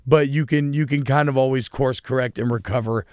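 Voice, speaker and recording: A man's voice: mid-range voice, steady tone, brisk, a little mellow, no room sound, studio quality. A man co-hosting a casual sports talk show, chatty and joking. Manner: chatty, joking, rambling with restarts. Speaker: sports podcast co-host.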